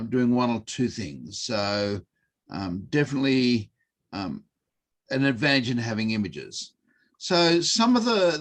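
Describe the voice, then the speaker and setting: A middle-aged man leads an online class over a video call, in a voice of ordinary middle pitch. He speaks in a loose, hesitant way, full of ums and restarts, and stays relaxed and conversational as he explains. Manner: relaxed, hesitant, many fillers. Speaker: workshop presenter. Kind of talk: online teaching session.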